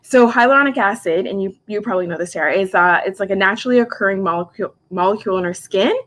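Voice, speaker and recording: A woman's voice: mid-range voice, a bit bright. Chatty woman in her forties. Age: 40s. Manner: chatty, heavy use of "like", quick asides. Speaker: makeup artist and skincare specialist hosting a live stream. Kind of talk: casual live product chat. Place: her home.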